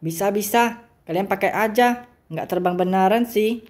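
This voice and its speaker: A woman's voice: mid-range voice, moderate pace, darkish tone, close to an everyday voice. A woman voicing a friendly, welcoming female fairy who speaks in a kind, reassuring way. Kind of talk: role-play game voicing.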